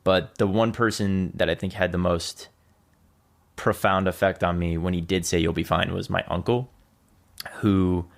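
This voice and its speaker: Gravelly low-voiced young man telling stories. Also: steady tone, moderate pace. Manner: loose and chatty, heavy on "like", acts out quoted lines. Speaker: podcast guest. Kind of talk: casual storytelling conversation.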